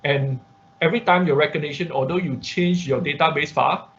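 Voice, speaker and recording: An online robotics instructor, with a slightly high and somewhat bright voice, gives an informal live tutorial while demonstrating on screen during a class call. His explaining is halting and repetitive, full of tag questions, and the audio comes through dull and muffled.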